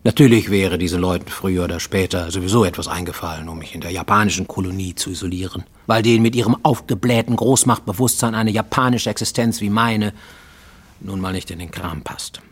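An actor with a low voice delivers a brisk, husky radio play monologue as a brooding Japanese fugitive making a confession, sometimes dropping to near-whispers. The intensity carries a defensive, weary mood.

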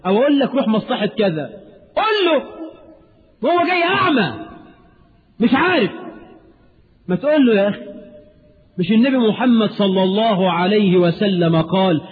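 Male Egyptian preacher with a high voice and a storyteller's flair, recorded thin and lo-fi with long room reverb. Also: brisk, long pauses. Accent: Egyptian Arabic. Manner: animated, acts out everyday scenes in dialogue. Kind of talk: recorded sermon. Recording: phone-like, echoey hall recording.

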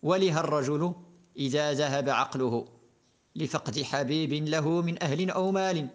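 A man's voice: a little high, moderate pace. A man teaching a lesson on verb morphology, methodically working through conjugations one form after another. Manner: methodical, reciting verb conjugations in steady patterns. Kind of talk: classroom lesson explaining a grammar poem.

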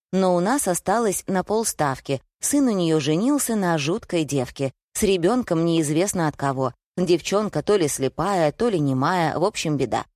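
A woman reading aloud and voicing a gossipy, timid middle-aged wife who chatters fast and whimpers. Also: low-pitched, darkish tone, dry recording, clean studio sound.

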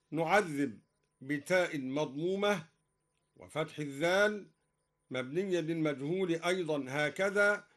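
A man from Egypt, a Quran recitation teacher, explaining reading variants in measured speech and then chanting the verses slowly and melodically in a radio broadcast. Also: on the high side.

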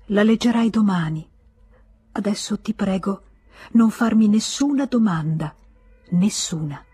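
Brief: a husky desperate young wife in an audiobook, read by a woman, hushed then crying out. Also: mid-range voice, moderate pace. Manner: hushed and feverish, breaking into anguished cries.

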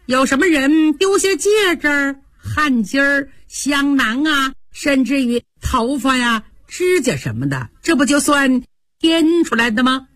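A woman voicing a quick-witted young maidservant, pert and sharp-tongued in a storytelling broadcast. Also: high-pitched, lively intonation, no room sound, studio quality, voice pushed up. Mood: sly.

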